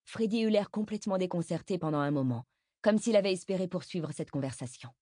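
A woman reading a novel aloud as narrator, in an even, measured manner. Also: fairly low pitch, no echo, studio quality. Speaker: audiobook narrator. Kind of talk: scripted narration.

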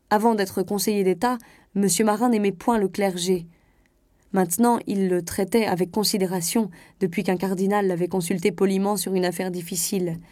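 A woman narrating a story in a measured, expressive storytelling manner. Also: medium pitch, dry recording. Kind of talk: scripted narration.

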